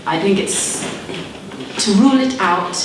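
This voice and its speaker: Speaking a little slowly in a medium-pitched voice, a woman in her thirties debates earnestly and persuasively, adding wry asides. She is from Malawi and was raised in Zimbabwe. The mic is far from her in a very echoey hall with background noise.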